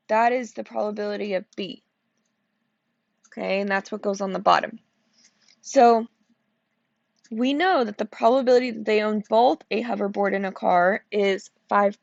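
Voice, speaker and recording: A sleepy, yawning woman math teacher works through probability problems step by step in a recorded classroom lesson, checking in with "okay?" as she goes. Her mid-range voice is creaky, and the audio is dull with no room sound.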